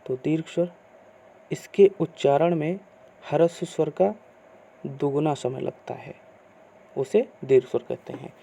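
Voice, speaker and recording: A man teaching a grammar lesson, asking questions and answering them himself in slow, repeated teacherly phrasing. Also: on the high side, vocal fry, warm tone.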